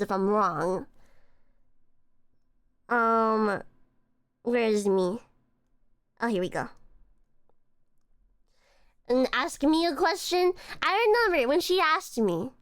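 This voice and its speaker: A woman streamer telling a story in a chatty, animated way, with laughs and fillers. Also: sits high, no room sound, clean studio sound. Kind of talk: casual storytelling.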